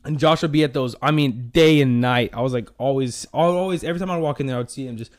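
A man's voice: medium pitch, quick pace. A young man hosting a casual faith chat, rambling and saying "dude" a lot. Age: young adult. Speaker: podcast host.

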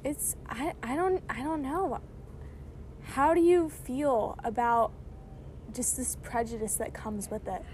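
A woman's voice: sits high, takes it slowly, darkish tone, a little hiss or hum. A young woman interviewing a friend in casual chat, recorded on a phone in a backyard with no other equipment. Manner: chatty, friendly, uses fillers like "like". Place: outdoors in a backyard.

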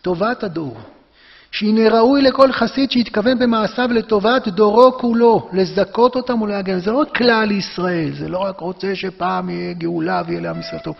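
A man giving a Torah lesson to a class, impassioned and emphatic, rising to forceful peaks. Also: high voice, vocal fry. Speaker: Torah teacher. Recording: dull lo-fi sound with long hall reverb.

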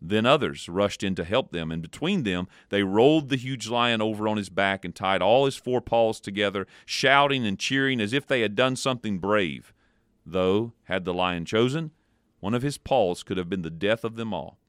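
A man hosting a devotional program, reading a story aloud in a measured, expressive way and then adding a short spiritual reflection. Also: fairly low pitch, smooth, dry recording, clean studio sound. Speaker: devotional podcast host.

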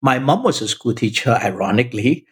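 Speaking fairly quickly in an expressive, medium-pitched voice, this Vietnamese man in his fifties, a native Chinese speaker, shares his own story with emphasis on a podcast. He often turns to address the host directly, and there is slight background noise.

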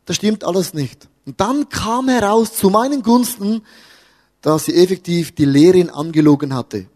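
Preacher, male, high voice, playful storyteller, live in a reverberant hall. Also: normal speed, darkish tone. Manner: humorous, talks to the audience with questions. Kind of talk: lively sermon with stories. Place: church hall with audience.

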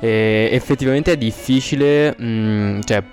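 A man with a medium-pitched voice hosts a relaxed, informal interview. He is jokey and conversational, and soft guitar music runs behind him. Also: measured pace. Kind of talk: casual chat.

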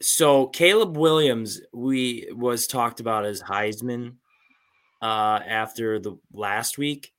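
A man's voice: medium pitch, slow pace, a bit bright. A man co-hosting a casual college football podcast, talking loosely, laughing often and swearing casually. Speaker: podcast co-host. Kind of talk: casual sports chat.

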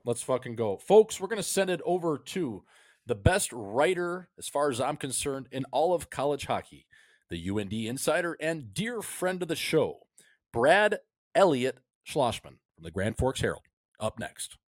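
A man's voice: a little high, very animated, normal speed, no echo, clean studio sound. A man hosting a casual sports podcast, talking like a hyped-up frat bro with slangy, profane banter. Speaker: podcast host.

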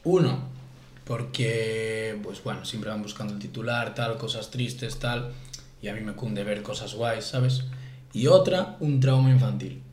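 Animated young man telling stories, echoey. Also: fairly low pitch, measured pace, a little hiss or hum. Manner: animated storyteller, says "en plan" constantly. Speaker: podcast co-host. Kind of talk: casual chat. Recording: roomy echo.

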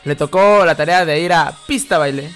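A man's voice: fairly high pitch, normal speed, fairly bright tone, soft background music. A young man with a Peruvian Spanish accent, co-hosting a podcast, telling crude, slangy stories and laughing often. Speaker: podcast co-host. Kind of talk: casual chat.

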